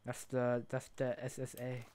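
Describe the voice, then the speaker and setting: A man's voice: medium pitch, monotone, a little slow, a little mellow, no room sound. A man hosting a gaming video, casually commenting with goofy catchphrases and frequent laughter. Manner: goofy, repeats silly catchphrases, laughs a lot. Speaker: gaming channel host.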